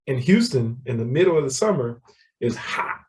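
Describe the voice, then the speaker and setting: A man's voice: mid-range voice, big pitch swings, moderate pace, recorded from a distance. A man, telling his story as a guest in a casual interview, laughing often and repeating words. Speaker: guest, real estate developer.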